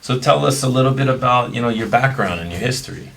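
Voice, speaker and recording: A man's voice: medium pitch, fast talker, gravelly, fairly bright tone. A man hosting an interview, asking questions eagerly with plenty of fillers. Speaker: host. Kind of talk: casual interview. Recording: faint background noise.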